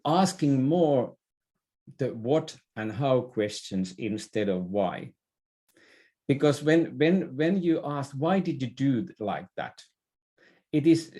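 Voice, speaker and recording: A leadership expert, interviewed as a guest, explains his ideas in a mellow, slightly low voice. He speaks in an unhurried, halting, conversational way, repeating words and correcting himself.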